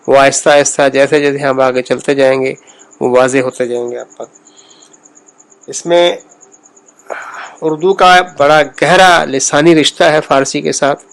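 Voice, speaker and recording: A man giving a spoken lesson on pronunciation, explaining in a measured way, repeating sounds and pausing often. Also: medium pitch. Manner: measured, explains slowly with repetitions and pauses. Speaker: language teacher.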